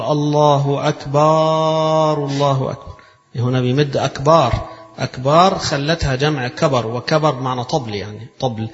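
A man with an Egyptian accent giving a religious lecture, reading a passage and then explaining it in colloquial speech, repeating phrases to show their pronunciation. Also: medium pitch. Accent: Egyptian Arabic. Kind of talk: lecture explaining a read-out text. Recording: echoey hall, dull lo-fi sound.

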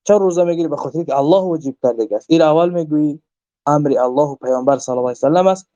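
A man's voice: a little high, mellow, muffled recording. A man with a Tajik accent giving a religious lesson, reading from a book and explaining each quoted verse in earnest, emphatic tones. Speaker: religious teacher.

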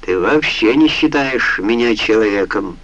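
A man's voice: on the low side, animated, measured pace, a bit bright, dull audio. A man reading the lines of a proud pasha who teases and talks bluntly. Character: teasing proud pasha, male, adult.

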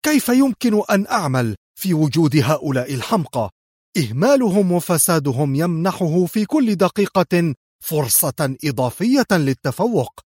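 A man's voice: medium pitch, normal speed, no echo, studio quality, natural voice. A man voicing a ruthless, furious spy boss. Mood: harsh. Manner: harsh, shouting, contemptuous.

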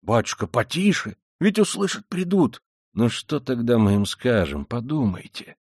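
A man's voice: mid-range voice, very animated, moderate pace, a little mellow, dry recording, clean studio sound, pitched above the performer's own voice. A man reading an audiobook, voicing a fussy, cunning middle-aged male investigator who talks in an ingratiating, sly way. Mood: alarmed. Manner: ingratiating, sly, with old-fashioned deferential endings.

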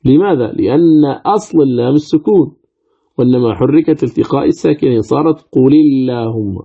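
A man's voice: medium pitch, lively intonation, brisk, creaky, warm tone, husky. A man teaching Quranic recitation rules, asking questions and answering them himself while demonstrating pronunciations aloud. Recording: tinny phone-like audio.

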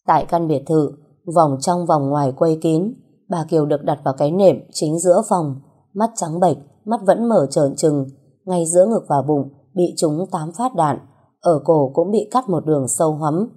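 A woman narrating a dramatic novel in a steady storytelling voice. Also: low voice, moderate pace, breathy edge. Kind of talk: scripted audiobook narration.

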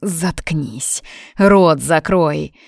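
A woman reading aloud voices a man's harsh inner voice, yelling drawn-out scolding commands at him. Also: sits low, creaky, no echo, clean studio sound, exaggerated voice.

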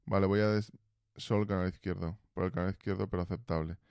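Casting: deep-voiced male streamer, casual and fumbling with his mic, close dry sound. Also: flat delivery, quick pace, a little mellow, smooth, no echo. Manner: fumbling with audio gear, asking chat for feedback. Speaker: Twitch streamer. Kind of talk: casual live-stream chat. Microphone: desk mic, then built-in computer mic.

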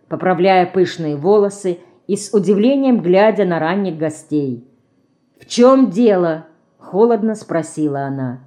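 A woman narrating an audiobook with an even storytelling delivery. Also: on the low side. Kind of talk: scripted narration.

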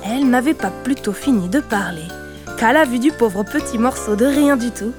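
A woman narrating a children's audiobook in a gentle, expressive reading voice. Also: a little high, moderate pace, over music. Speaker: storyteller.

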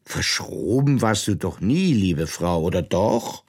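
A man voicing a pompous, fussy old king of cards, self-satisfied and quick to take offence, in a storybook reading. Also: sits low, lively intonation, a little mellow, breathy edge, heavily acted.

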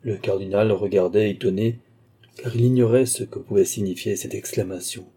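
A man reading a classic novel aloud as an audiobook narrator in a measured, even manner. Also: on the low side, breathy edge. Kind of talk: scripted narration.

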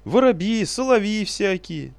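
A man doing a fussy little male wizard-boss in a storybook, shrieking and stamping with indignation, voice jumping high and loud above the reader's own. the outbursts swing wildly up and down. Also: big pitch swings, unhurried, gravelly, no echo, full character voice. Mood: outraged. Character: shrill fussy male sorcerer-official, easily outraged.

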